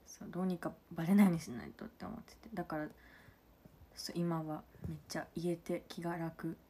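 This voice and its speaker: A woman's voice: fairly low pitch, flat delivery, fairly quick, dark tone, a little hiss or hum. A young woman from Nagano chatting casually on a livestream and thanking viewers for their comments between stories. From Nagano, Japan. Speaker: idol livestream host.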